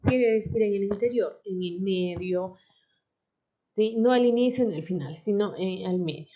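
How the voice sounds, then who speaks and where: At a moderate pace and medium pitch, a woman teaches a lesson with patience. She checks on her students through frequent questions, often tagging them with "¿no?", on a dull, lo-fi recording.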